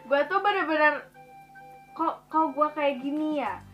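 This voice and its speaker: Young woman vlogger, high bright voice, chatty n slangy, faint music under it. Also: expressive, slow, muffled recording. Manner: chatty, slangy, addresses viewers as guys, laughs often. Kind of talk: casual chat to camera.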